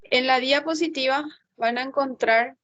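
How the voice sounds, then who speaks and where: Working through slides in an online class, a woman teacher thinks aloud and patiently checks that everyone is following, leaning on frequent tag questions. Her high-pitched voice has a fairly bright tone and a normal speed. The recording is dry, with the highs cut off.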